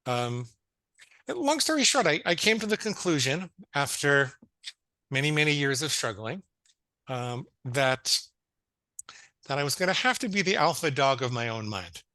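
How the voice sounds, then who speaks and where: Man in his fifties, guest psychologist, earnest and stammering, bright and dry sound. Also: a little high, lively intonation, normal speed, long pauses, no room sound. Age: 50s. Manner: earnest storytelling with stammered restarts. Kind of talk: casual interview chat.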